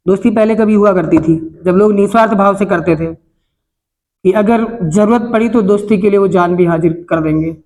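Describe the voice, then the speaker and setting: A middle-aged man with a north Indian accent lectures a classroom of students. His voice sits high for a man as he moralizes earnestly and throws rhetorical questions at the class. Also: moderate pace, darkish tone. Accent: Hindi, north Indian. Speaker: coaching teacher. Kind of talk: classroom life advice talk. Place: coaching classroom.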